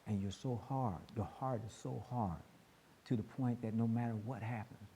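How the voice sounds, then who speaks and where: A man making an earnest point slowly in a reflective group discussion. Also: mid-range voice, fairly even intonation, dark tone, slight background noise.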